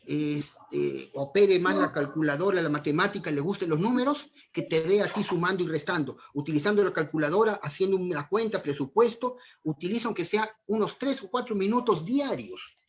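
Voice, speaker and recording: A man's voice: high-pitched, lively intonation, moderate pace. A man giving an earnest online parenting talk with a Peruvian Spanish accent, speaking straight to mothers and fathers and asking them rhetorical questions. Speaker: parenting lecturer. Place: home during lockdown. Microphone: video call. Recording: dull lo-fi stream audio.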